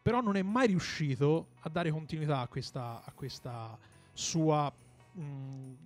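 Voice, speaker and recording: A man's voice: on the high side, a little slow, soft background music. A man co-hosting a football discussion, analysing conversationally and often searching for words and repeating himself. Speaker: football pundit and co-host. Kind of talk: conversational match commentary and analysis.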